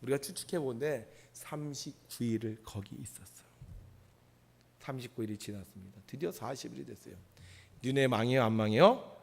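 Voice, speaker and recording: A male pastor preaching a sermon, with dramatic pauses and rhetorical questions to the congregation. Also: mid-range voice, gravelly, darkish tone.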